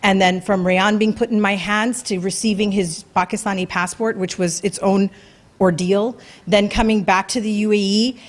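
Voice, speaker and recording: A native English-speaking woman shares a personal story before an audience at a community talk night, speaking earnestly and conversationally with fillers and restarts. Her pitch is medium, her intonation fairly even, and her speed normal.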